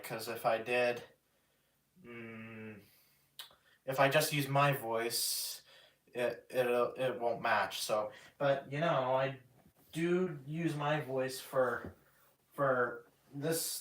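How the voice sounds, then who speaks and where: A man chatting casually on a live stream, halting and restarting often as he talks about his puppets. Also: mid-range voice, a bit bright. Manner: halting, many restarts and fillers. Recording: roomy echo, mic at a distance.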